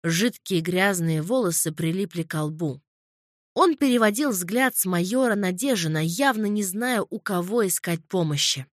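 A woman reading a crime novel in a calm, measured narration. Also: fairly low pitch, dry recording, clean studio sound. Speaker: audiobook narrator. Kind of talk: scripted narration.

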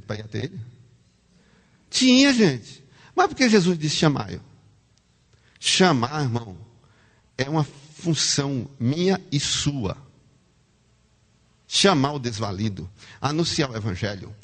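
A man preaching a sermon, animated, calling the congregation to repeat words after him. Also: medium pitch, slightly rough. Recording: long hall reverb.

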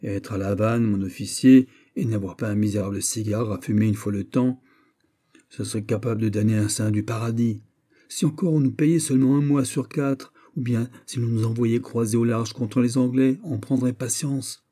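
A man voicing a gruff, burly sailor who grumbles and wheedles. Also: medium pitch, fairly even intonation, moderate pace, warm tone, lightly acted. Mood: grumbling.

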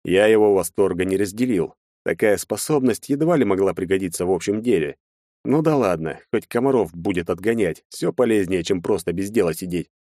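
A man's voice: low voice, animated, fairly quick, dark tone, dry recording, clean studio sound. A man narrating a first-person audiobook in a weary, sardonic tone.

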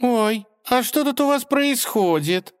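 A man's voice: very high voice, lively intonation, takes it slowly, clear, resonant tone, voice pushed up, full character voice. A man voicing a curious young mermaid in a storybook tale.

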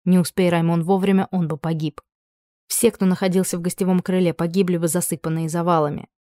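A woman narrating a romantic fantasy novel in a calm, measured way. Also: on the low side, dry recording, clean studio sound. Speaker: audiobook narrator. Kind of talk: scripted narration.

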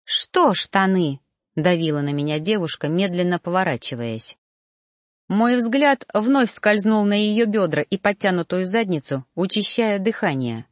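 A woman's voice: fairly low pitch, moderate pace, no echo, clean studio sound. Woman reading an audiobook expressively. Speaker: audiobook reader. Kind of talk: first-person audiobook narration.

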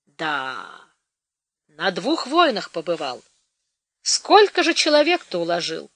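A woman's voice: lowish voice, huge pitch swings, takes it slowly, fairly bright tone, dry recording, exaggerated voice. Woman voicing a sly village man, wheedling, cocky.

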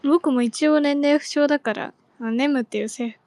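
A woman's voice: high-pitched, brisk, darkish tone. A woman chatting casually in an online voice room, teasing and laughing often. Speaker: Spaces host. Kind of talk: casual group chat.

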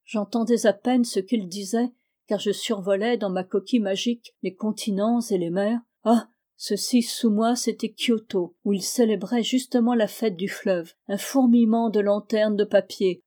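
A woman narrating a literary novel as an audiobook. Her voice is mellow and warm, with a middle pitch. She reads in a calm, measured way. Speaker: audiobook reader.

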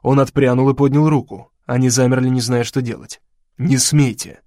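A man narrating an audiobook in an ordinary mid-range voice, measured and dramatic. The recording is close and completely dry. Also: medium pitch, little pitch movement, warm tone, no room sound.

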